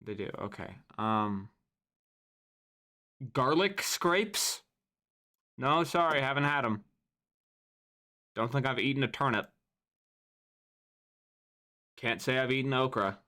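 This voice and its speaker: A young man streaming live, talking casually with a lively, bouncing pitch that swings up and down. He rants, swears freely and mutters asides into his microphone. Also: slow, long pauses. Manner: animated, profane ranting. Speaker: livestreamer. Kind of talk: casual livestream commentary.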